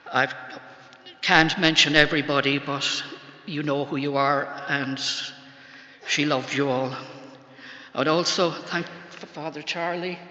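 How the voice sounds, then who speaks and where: Older Irish woman, low-pitched, tender faltering eulogy, halting pauses, muffled echoey church recording. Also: bright, forceful tone. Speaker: bereaved sister giving thanks at a funeral. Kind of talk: funeral eulogy. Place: large church, speaking to a congregation.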